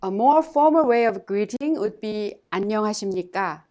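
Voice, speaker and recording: A woman teacher giving a scripted language lesson in a measured, instructive way, pausing to model phrases for listeners to repeat. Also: mid-range voice, animated, dark tone.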